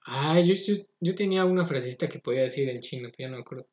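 A man's voice: mid-range voice, racing, darkish tone. A young Mexican man joking and asking questions in a casual chat. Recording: echoey room.

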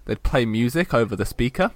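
A man's voice: medium pitch, expressive, a little fast, dry recording. A young man co-hosting a casual podcast, chatty and self-mocking, laughing as he talks. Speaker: podcast co-host. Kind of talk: casual chat.

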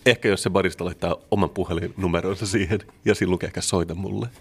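A male podcast co-host with a very deep voice. He trades dry, playful jokes in relaxed chat. The talk is loose and comedic. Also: husky.

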